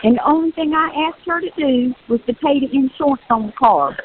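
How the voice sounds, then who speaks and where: With a high voice moving a little fast, an older woman from the US South vents on a personal call, insistently repeating phrases to drive them home. It's a recorded prison phone call, and the audio is tinny with hiss.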